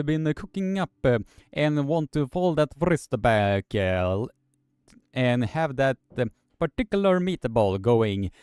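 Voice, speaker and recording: A man's voice: medium pitch, a little mellow, clear, resonant tone, dry recording, studio quality. A man doing a hammy mock Italian accent, playing an Italian man who goes on about pasta and meatballs.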